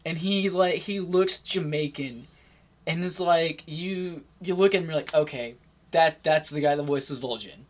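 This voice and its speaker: A man co-hosting a casual gaming podcast, talking loosely with lots of filler words and frequent throat clearing. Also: on the high side, a little slow, a little hiss or hum. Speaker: podcast co-host.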